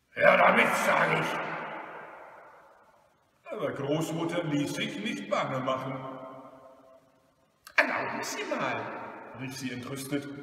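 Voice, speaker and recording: Brief: male guest reader, slow, lively children's-book storytelling, bright tone, distant mic, big reverberant hall. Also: on the high side. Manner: unhurried, expressive storytelling. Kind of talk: reading a children's book aloud. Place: museum hall. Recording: echoey hall, far from the mic.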